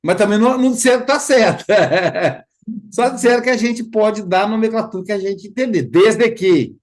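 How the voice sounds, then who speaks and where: A man's voice: high voice, moderate pace. A man hosting a study group, explaining in a casual teaching talk and livening it up with playful imitations. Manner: animated storytelling with playful imitations.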